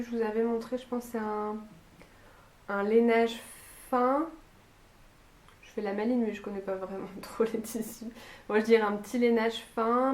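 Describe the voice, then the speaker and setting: A woman's voice: medium pitch, a little mellow, reverberant. A woman with a Lille accent chatting casually to camera about her sewing projects, hesitant and full of fillers and restarts, at home. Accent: Lille, northern France. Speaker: sewing and knitting vlogger. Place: room at home with a bay window.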